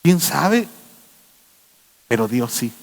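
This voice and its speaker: A man's voice: medium pitch, sing-song, very slow, gravelly. A Mexican male pastor preaching a sermon, telling stories emphatically and mimicking the people he quotes, in a church hall. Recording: long church hall reverb.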